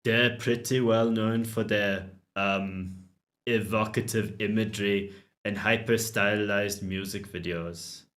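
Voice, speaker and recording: A man's voice: fairly low pitch, steady tone, slow, a bit bright. A man voicing a chatty, pun-loving male barista in a game, with a wobbly put-on South African accent. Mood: explaining.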